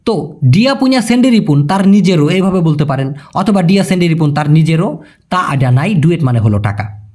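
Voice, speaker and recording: A man's voice: fairly high pitch, very animated, a little fast, a little mellow. A young Bangladeshi man giving a casual video lesson, chatty, calling viewers brother and checking that they follow. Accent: Bangladeshi Bengali. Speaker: language teacher.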